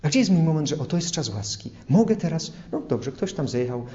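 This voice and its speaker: A man's voice: a little high, big pitch swings, fairly quick, dark tone, highs cut off. A man preaching an earnest sermon, illustrating his points with everyday examples. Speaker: priest.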